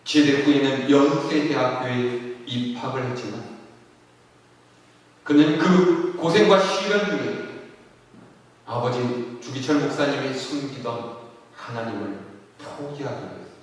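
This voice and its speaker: In an echoey church sanctuary recorded from far off, a male pastor tells a story during an earnest sermon. His medium-pitched voice is a little slow with frequent pauses, rising in intensity at moments of grief.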